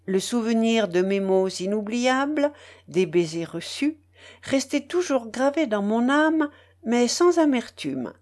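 A woman narrating a classic novel in an audiobook, in a measured, expressive reading. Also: on the high side. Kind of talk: scripted literary narration.

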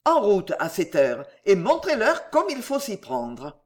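A woman's voice: fairly low pitch, very animated, unhurried. A woman voicing a cheeky young manservant who talks in an encouraging, wry way.

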